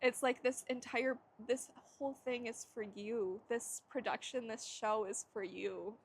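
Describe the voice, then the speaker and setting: A woman's voice: on the high side, fairly even intonation, a little slow. A young adult woman giving a casual tarot reading to camera. She rambles and searches for words, with frequent laughs. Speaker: tarot reader.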